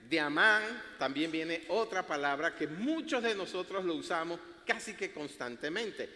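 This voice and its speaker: Bright-voiced pastor in echoey hall. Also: male voice, on the high side. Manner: playful, laughs at himself while teaching. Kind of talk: sermon teaching. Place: church hall.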